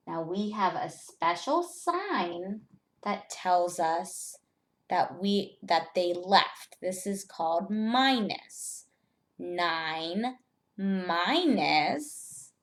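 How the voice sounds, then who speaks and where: A woman teacher giving a step-by-step math lesson to young children, speaking in simple, deliberate phrases and putting questions to the learners. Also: mid-range voice.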